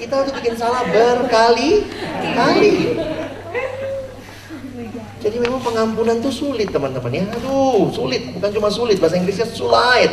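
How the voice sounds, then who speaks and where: A man's voice: very high voice, sing-song, normal speed, pauses often, over a noisy crowd. A man preaching a sermon, telling humorous stories and acting out the people in them. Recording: echoey room, distant mic.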